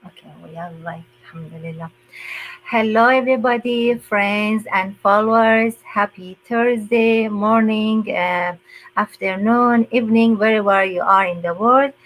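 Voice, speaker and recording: An older woman hosting a live online interview, talking slowly with many hesitant fillers. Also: medium pitch, a bit bright, low-quality recording. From USA resident. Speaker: host.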